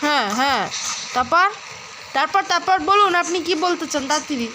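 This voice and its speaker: A woman's voice: high voice, animated, a little fast. A woman vlogger talking to her baby in coaxing, sing-song baby talk, asking the same questions again and again. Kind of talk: baby talk in a home vlog. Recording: loud background noise.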